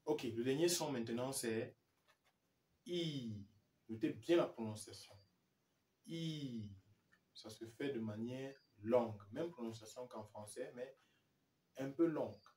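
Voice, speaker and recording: A man teaches English pronunciation at a very slow, deliberate pace, saying every example word twice. His voice sounds a little distant from the mic, in a room with a noticeable echo. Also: mid-range voice, darkish tone. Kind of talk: pronunciation lesson.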